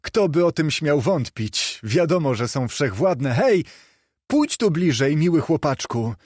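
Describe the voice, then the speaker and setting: A man's voice: on the high side, unhurried, dry recording, clean studio sound, voice pushed up. Scrooge, a man voicing a giddy old man. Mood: eager. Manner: excited, exclaiming. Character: elderly former miser, giddy with joy.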